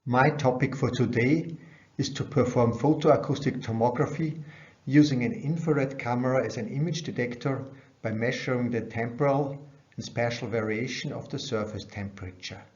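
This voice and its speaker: A middle-aged researcher presents a scientific lecture over slides at a conference, sounding dull. His mid-range voice is a little mellow and moves at a moderate pace. The audio is dull, band-limited webcam sound.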